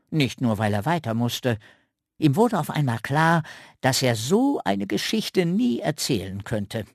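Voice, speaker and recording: Man reading a children's radio story, slow, lively intonation, dry close sound. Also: mid-range voice, dry recording.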